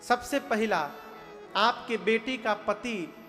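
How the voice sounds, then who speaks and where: A katha preacher from eastern Uttar Pradesh tells devotional sermon stories in a high, slow, expressive voice, prodding the crowd with questions he answers himself and breaking into chanted verses. He's recorded in a reverberant hall with soft, faint music playing beneath him.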